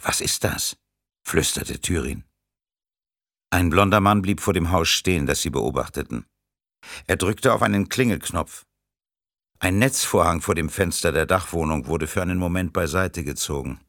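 Guy reading a thriller audiobook, deep and gravelly, totally dry sound. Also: dry recording. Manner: steady, measured narration. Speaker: narrator.

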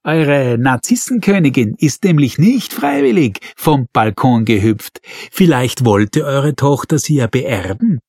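A man voicing a gruff, bullying male police colonel in an audiobook reading. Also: medium pitch, big pitch swings, unhurried, few pauses, a little mellow, no echo, studio quality, voice pushed up, exaggerated voice. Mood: barking.

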